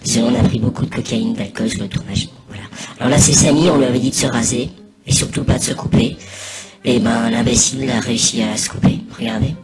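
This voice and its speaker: Guy doing an off the cuff spoof voiceover, kinda hesitant and rambly, normal pitch, music really loud. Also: steady tone. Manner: hesitant, rambling delivery with pauses mid-sentence. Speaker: narrator of a spoof anonymous behind-the-scenes testimony. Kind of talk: casual, improvised mock commentary over video.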